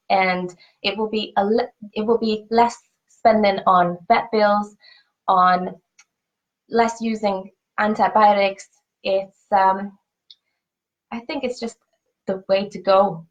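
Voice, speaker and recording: A woman with a Hungarian accent speaks at a middle pitch, earnest and conversational as she explains things to the camera. She sometimes repeats a word while reaching for the next one. The recording sounds a little dull and lo-fi. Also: steady tone, takes it slowly, pauses often. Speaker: founder of a family pet supplement business.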